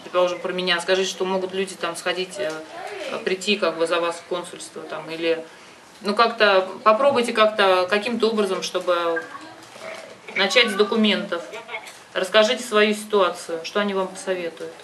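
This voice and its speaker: Picked up by a distant mic amid loud background noise, a woman with a lowish, steady voice talks at a moderate pace. As the advisor and host of a phone conversation, she's insistent and emphatic, frequently repeating points for emphasis.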